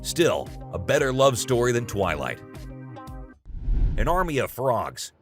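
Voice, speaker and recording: A man's voice: medium pitch, a bit bright. A man reading scripted narration in the manner of a nature documentary. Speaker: narrator of a video compilation. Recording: music behind the voice. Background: music.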